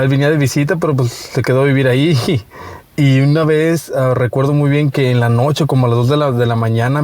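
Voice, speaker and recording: Halting Mexican man in his thirties. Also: medium pitch, a little mellow, no echo. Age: 30s. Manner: halting, with many restarts and fillers. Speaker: listener sharing a story. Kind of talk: casual recorded storytelling.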